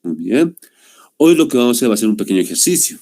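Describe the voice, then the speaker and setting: Lively low-toned male teacher. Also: fast talker. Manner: explanatory, repeats "¿no?" and "muy bien". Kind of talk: online class.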